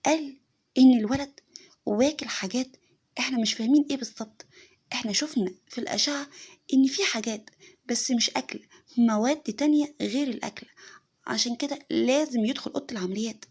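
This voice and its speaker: A woman with an Egyptian accent narrates a dramatic first-person story. Her voice is high and breathy, and she talks fast. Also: darkish tone. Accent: Egyptian Arabic.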